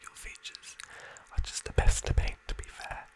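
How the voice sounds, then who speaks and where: A man doing a whispered ASMR role-play as a face painter, speaking in a breathy, soothing, complimentary way, as if giving close personal attention. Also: normal speed, a little mellow.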